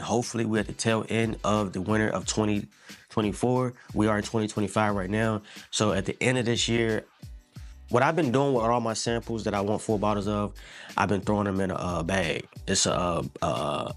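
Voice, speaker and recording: Male reviewer, somewhat low voice, easygoing slangy delivery, faint music in the background. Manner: laid-back, slangy, repeats words and says "man" often. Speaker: fragrance reviewer. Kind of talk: casual product review.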